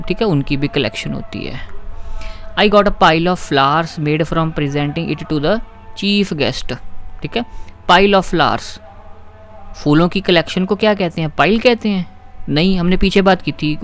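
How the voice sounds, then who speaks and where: A man teaching English grammar, patiently explaining exercises, asking questions and reading example sentences slowly. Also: high-pitched. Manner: patient, asks questions and keeps checking with "ठीक है?".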